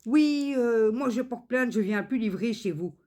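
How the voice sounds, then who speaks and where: A woman imitating a rude, angry male delivery driver who shouts and keeps threatening to file a complaint. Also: a little high, animated, a little slow, pitched above the performer's own voice. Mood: indignant.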